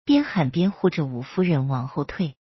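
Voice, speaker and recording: A woman storyteller with a husky voice narrates serialized fan fiction. Her voice sits low. The recording is dry, close and dull. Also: very animated, moderate pace, dry recording.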